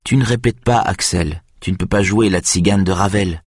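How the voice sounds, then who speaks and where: Guy doing a nervous young violinist girl, pitched up, a bit husky, dry sound. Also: no room sound. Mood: anxious. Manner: higher, tense, quick-tempered. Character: young woman violinist, anxious and driven.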